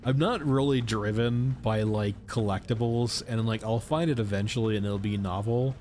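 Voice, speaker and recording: A man's voice: lowish voice, normal speed, a little mellow, slight background noise. A congested man streaming a game, chatting loosely with viewers and rambling as he plays. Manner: rambling, chatty, talks to chat. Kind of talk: casual gaming stream chat.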